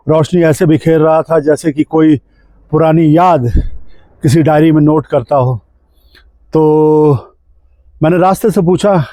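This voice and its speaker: A man's voice: on the high side, mellow, no echo. A man in his forties narrating a reflective, poetic travel story on a clip-on mic. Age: 40s. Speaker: vlogger narrator. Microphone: clip-on wireless mic.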